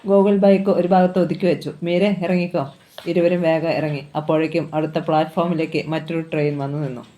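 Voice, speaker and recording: Novel reader, steady narrating delivery, warm dark tone. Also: mid-range voice, fast talker, hardly any pauses. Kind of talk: reading a novel aloud.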